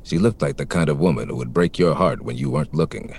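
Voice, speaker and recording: An actor playing a wisecracking, world-weary private detective, deadpan, in a parody noir audio drama. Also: male voice, deep voice, fast talker, gravelly, slight background noise, full character voice. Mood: wry, brooding. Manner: deadpan, hard-boiled wisecracking. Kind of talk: parody noir narration and radio drama acting.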